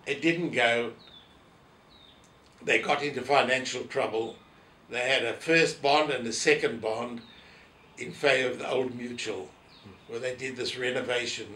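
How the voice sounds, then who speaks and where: Telling stories from his past and voicing other people's words, an elderly South African man with Polish family roots, once an office holder at a synagogue, reminisces in an oral history interview. His mid-range voice has a slightly bright quality. The sound is echoey and distant, with faint background noise.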